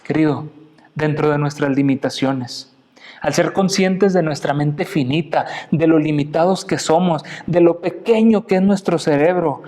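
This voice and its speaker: A man from Mexico preaching a sermon, animated and dramatic, often asking the listeners direct questions. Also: measured pace. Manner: animated preaching, acting out quotes with big pitch swings.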